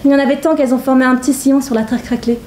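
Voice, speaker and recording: A woman's voice: high-pitched, fairly even intonation, rapid-fire, warm tone, reverberant, a little hiss or hum, natural voice. A woman playing a weary, devoted mother. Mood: tender. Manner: tender, solemn storytelling. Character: weary devoted mother sending her daughter away. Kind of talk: live stage monologue.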